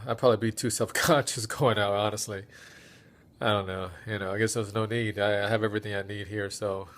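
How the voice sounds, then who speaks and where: A man with a stuffy, congested nose giving a halting, low-key recovery update in a casual vlog style. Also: a bit bright. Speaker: patient recording recovery diary.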